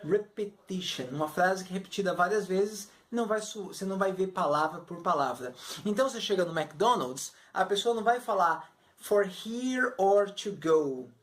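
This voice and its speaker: A Brazilian woman, a Portuguese native speaker, teaching English in a video lesson. She explains slowly and acts out short example phrases. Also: fairly low pitch, expressive.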